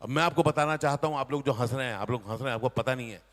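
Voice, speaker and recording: A man performing comic storytelling live on stage in a community hall, animated and teasing his audience. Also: medium pitch, very fast. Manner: animated, addresses and teases the audience. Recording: long reverb of a community hall.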